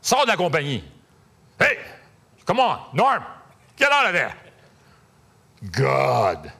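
A man's voice: low voice, animated, drawn-out words, creaky, husky, voice pushed down, exaggerated voice. A man voicing a big-voiced, English-speaking businessman mentor who barks blunt commands. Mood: urgent, scolding. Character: loud booming anglophone businessman mentor.

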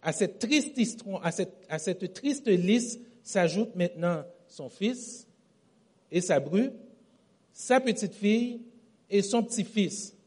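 A man preaching a sermon with a Quebec French accent, telling stories in an animated way and often repeating and correcting himself. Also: high voice, slow pace, husky. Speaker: pastor.

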